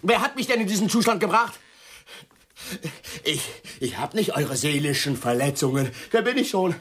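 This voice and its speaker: A woman's voice: on the low side, big pitch swings, normal speed, a bit bright, husky, exaggerated voice. An actress playing an overwrought, self-pitying woman who sees herself as the clown among her friends, ranting theatrically in a radio drama. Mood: bitter.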